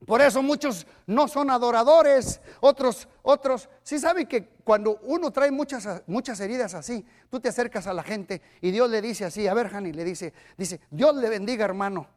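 A man's voice: sits high, moderate pace, few pauses. An older man preaching as a pastor, emphatic and repetitive, leading the congregation in call-and-response. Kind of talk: energetic Pentecostal-style sermon.

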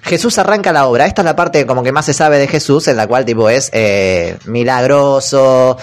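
A man's voice: medium pitch, moderate pace. A young man with an Argentine Spanish accent, hosting a podcast and retelling a story in a jokey, slangy way, breaking into put-on character voices. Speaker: podcast host. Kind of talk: comic casual retelling.

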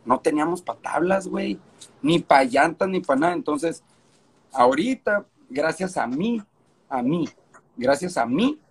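A skateboarding event organizer with a northern Mexican accent chats casually in an interview, loaded with street slang and swearing and repeating phrases for emphasis. His voice is fairly high and slightly rough.

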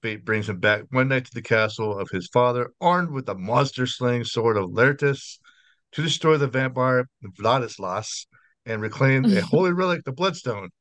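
An American man hosts a horror podcast interview over a video call, sounding chatty and apologetic and frequently restarting his sentences. His mid-range voice has lively intonation, a slightly bright quality and normal pacing, with no room sound.

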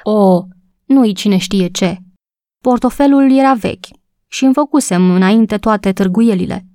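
A woman's voice: mellow, dry recording, lightly acted. A woman reading a storybook voices an agitated housewife close to tears, talking breathlessly. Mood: flustered. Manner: breathless, high-strung, tearful.

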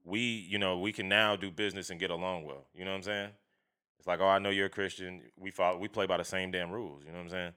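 Casting: man, very low clear voice, emphatic and slangy, swears freely in casual opinionated conversation. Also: fairly even intonation, fast talker, pushed and bright. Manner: emphatic, slangy, profane, often seeking agreement.

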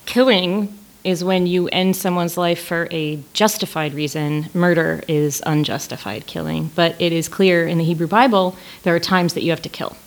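Female scholar guest, low-pitched, chatty, prone to laughter. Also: fairly even intonation. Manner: chatty and laughing, with quick asides. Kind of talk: casual conversational podcast.

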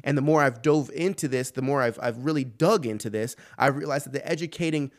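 A man's voice: medium pitch, a little fast. A man hosting a podcast, giving impassioned solo commentary with emphatic repeats and rhetorical questions. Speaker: podcast host.

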